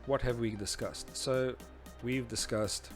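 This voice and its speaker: With faint music behind him, the instructor speaks slowly and steadily in a mid-range voice, explaining slides and diagrams in his tutorial series. The lesson is informal and step by step, delivered a little hesitantly with plenty of "you know."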